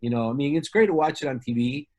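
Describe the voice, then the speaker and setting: A man's voice: medium pitch, fast, darkish tone. A man from Argentina, a company representative, talking casually in an interview with many fillers and restarts.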